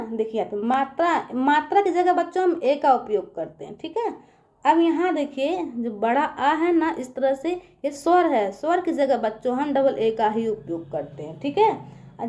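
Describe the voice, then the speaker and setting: A woman's voice: high-pitched, dark tone. A woman teaching young children in a patient online lesson, asking them questions and repeating herself often.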